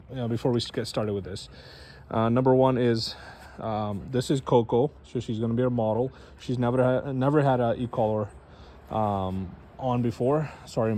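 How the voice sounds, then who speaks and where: A man's voice: lowish voice, dark tone, a little hiss or hum. A man, a dog trainer, giving a loose, chatty how-to demonstration and talking straight to his viewers. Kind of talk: casual instructional demo.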